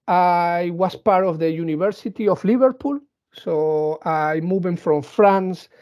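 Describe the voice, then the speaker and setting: Here a robotics engineer from Venezuela and Colombia gives an educational talk to schoolchildren, his high, dark-toned voice muffled by the recording. A native Spanish speaker with a Latin American accent, he hesitates frequently, restarting and using many fillers.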